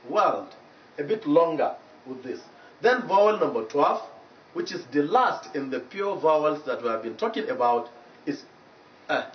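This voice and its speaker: A man with a Nigerian English accent teaching English pronunciation in a TV lesson, slowly repeating each example word. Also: on the high side. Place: TV studio. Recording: roomy echo, distant mic, dull lo-fi sound, faint noise.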